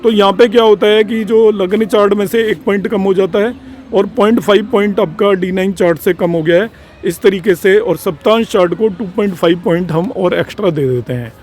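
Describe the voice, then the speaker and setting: A man's voice: sits high, darkish tone. A man giving a lecture on astrology, explaining slides step by step and repeating key points. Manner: explanatory, mixes English terms, repeats points. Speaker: astrology teacher.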